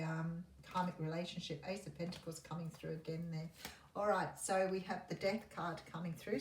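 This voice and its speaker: A woman with a fairly low voice delivers a mystical horoscope reading over tarot cards. She muses intuitively and pauses between thoughts. The recording is noticeably roomy, with a faint noise underneath. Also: a little mellow. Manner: intuitive, musing, pausing as cards are turned. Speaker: tarot reader.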